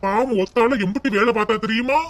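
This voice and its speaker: A man's voice: very high voice, quick pace, heavy background noise. A man voicing a patient adult son who pleads with his mother in a cartoon comedy. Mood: pleading. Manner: pleading, placating.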